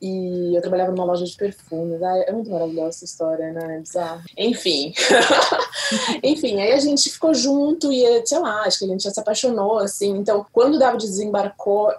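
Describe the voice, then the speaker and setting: A woman's voice: medium pitch, fairly quick, few pauses, a little mellow. A woman with a Brazilian accent telling stories casually as a podcast guest, informal and rambling, with playful exaggeration. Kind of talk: casual storytelling chat.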